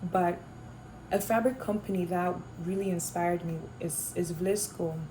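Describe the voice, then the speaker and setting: A young Ghanaian woman studying fashion design answers interview questions thoughtfully, with some fillers and restarts. Her voice is on the low side, with fairly even intonation and a slightly slow pace. There is background noise.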